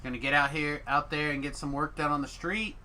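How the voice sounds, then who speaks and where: Male streamer, casual gameplay chat, very bright forceful tone, faint background noise. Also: a little high, fairly even intonation, fairly quick. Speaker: game streamer.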